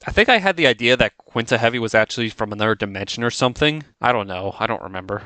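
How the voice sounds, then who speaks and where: A man's voice: medium pitch, lively intonation, rapid-fire, pushed and bright, soft background music. A man giving casual, offhand, rambling commentary as a video creator looking back on his own work.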